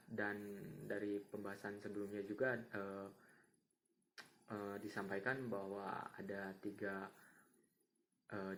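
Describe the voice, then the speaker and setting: Hesitant low-voiced man presenting. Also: fairly bright tone, low-quality recording. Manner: hesitant, halting delivery with many fillers. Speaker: student presenter. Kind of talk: class presentation.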